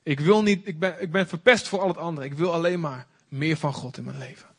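A man's voice: fairly high pitch, brisk, slightly rough. A young man from the Netherlands preaching a sermon with passionate, emphatic repetition. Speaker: pastor.

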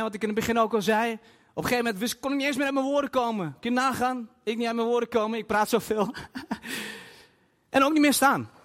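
A man preaching a sermon to a congregation in a church hall, emphatic and animated, with bursts of loud emphasis and English phrases dropped in. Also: very high voice. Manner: scatters English phrases into his talk. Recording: long hall reverb.

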